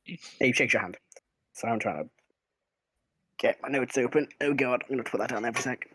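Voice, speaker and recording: A man with an average-pitched voice narrates a tabletop game as game master. He talks casually and hesitantly, searching as he goes and swearing freely. The sound is very dry. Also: brisk, fairly bright tone, slightly rough, no room sound.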